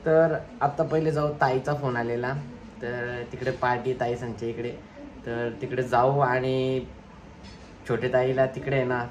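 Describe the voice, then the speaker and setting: A young man hosting a casual family vlog, chatty and playfully teasing the kids around him. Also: medium pitch. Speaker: vlogger. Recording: noisy phone vlog audio.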